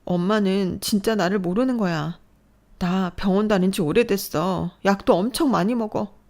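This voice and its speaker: A woman's voice: medium pitch, normal speed, darkish tone, pitched above the performer's own voice, natural voice. A woman voicing a distressed young adult daughter who pleads and lashes out at her mother in a dramatized story. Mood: distraught. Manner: pleading, tearful outbursts.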